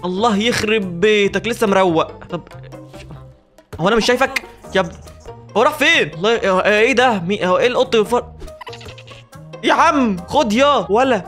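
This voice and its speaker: A man with an Egyptian Arabic accent, commentating a horror game as a video host, excitable and jokey, talking back to the game characters. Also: high-pitched, normal speed, soft background music. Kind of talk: let's play commentary.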